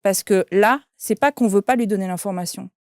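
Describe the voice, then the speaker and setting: A woman's voice: mid-range voice, brisk, a little mellow, no room sound, clean studio sound. A woman, a shaman and medium, telling an anecdote in an interview and quoting the people in it. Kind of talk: interview storytelling.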